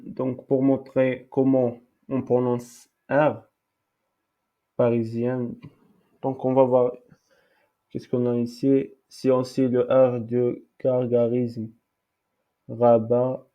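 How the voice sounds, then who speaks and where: Very slow, hesitant male language teacher. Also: medium pitch, highs cut off. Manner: hesitant, many fillers and restarts, repeats each word several times. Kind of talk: slow explanatory lesson with repeated example words.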